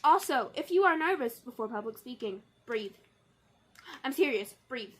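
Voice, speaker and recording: High-pitched girl vlogging, chatty and jokey, lots of little asides, voice going up and down. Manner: chatty and playful, with quick asides and jokes; expressive, shifting between lively and low, mumbled tones. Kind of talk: casual chat to camera.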